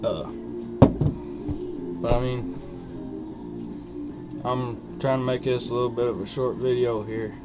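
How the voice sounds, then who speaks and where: A man's voice: medium pitch, fairly even intonation, poor audio. Young man talking around lipped dip. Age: young adult. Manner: talks with a lip full of dip; folksy, drawn-out hesitant delivery. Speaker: dip review vlogger. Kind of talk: casual rambling chat to camera. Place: small wood-panelled room indoors. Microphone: webcam mic at arm's length. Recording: country music playing behind the voice. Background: country music.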